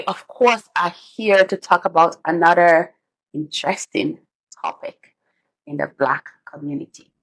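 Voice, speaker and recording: A podcast host from Sierra Leone chats casually with her guest in an Edmonton, Canada studio, expressive and often laughing. Her voice is mid-range with a fairly bright tone, and the recording is poor with no room sound.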